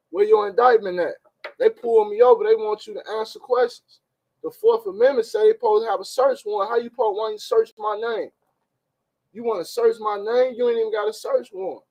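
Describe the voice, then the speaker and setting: Livestream host, man, high and gravelly, emphatic slang-heavy delivery. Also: darkish tone, rough recording. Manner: street slang, emphatic, rhetorical questions. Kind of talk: informal legal talk to a live audience.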